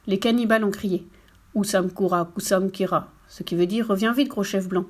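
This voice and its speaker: A woman's voice: medium pitch, a little mellow, lightly acted. A woman voicing a big, jolly sea captain father who boasts about his adventures, in a storybook reading.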